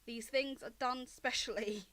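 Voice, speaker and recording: Woman voicing a brisk, careful adventurer woman. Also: a little high, steady tone, fairly bright tone, dry recording. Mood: cautious, firm. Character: careful, no-nonsense female adventurer.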